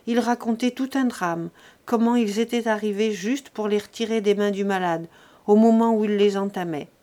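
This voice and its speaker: A woman reading a novel aloud for an audiobook, with a steady, even delivery. Her voice sits at a middling pitch for a woman. The narration is clear and unhurried. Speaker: audiobook reader.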